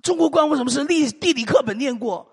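A middle-aged man from Taiwan, preaching a sermon with lively storytelling and frequent hallelujahs and amens. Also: extremely high pitch, fast talker, big-room sound.

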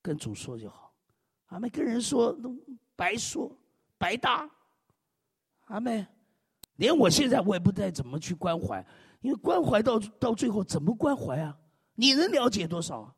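A high-pitched male pastor gives a lively, humorous sermon, his voice leaping up and down and tinged with huskiness. He breaks up his points with repeated hallelujahs and amens. The recording carries a long, lingering hall reverb. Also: moderate pace, vocal fry, long pauses, slightly rough. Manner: animated, frequent hallelujah and amen refrains.

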